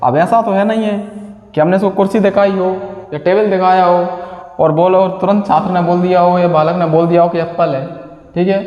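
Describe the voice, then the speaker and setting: A fairly high-voiced man teaches an exam-prep lesson, firing off quick questions and answering them himself in a lower, quieter word. The room rings with a long, echoey reverb. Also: lo-fi sound. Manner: asks questions and answers them himself, repeats key terms.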